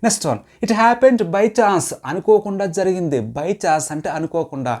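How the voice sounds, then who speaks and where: A man teaching spoken English, saying each short phrase slowly and clearly, then explaining it in a quicker flow. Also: high-pitched, expressive, a little mellow.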